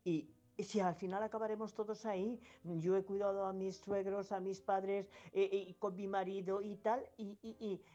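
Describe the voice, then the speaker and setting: A Spanish grandmother in her fifties from La Mancha phones a radio show to give emphatic, insistent advice, often repeating herself and hesitating. Her mid-range voice is warm but flat, at normal speed with hardly any pauses, over a dull lo-fi phone line with faint music behind.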